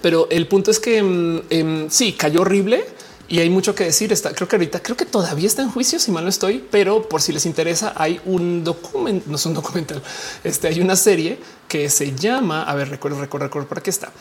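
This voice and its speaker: A woman with a Mexican accent and a low voice, chatting casually to her viewers in a slangy, rambling way full of fillers. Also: brisk, a little mellow.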